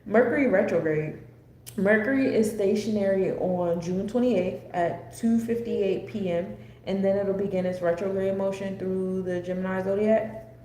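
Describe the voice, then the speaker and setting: An American woman speaks at a normal pace in a mellow, medium-pitched voice while offering an astrology forecast. Her lecture is casual and unscripted, chatty and prone to tangents. The room echoes, and there's faint noise behind her.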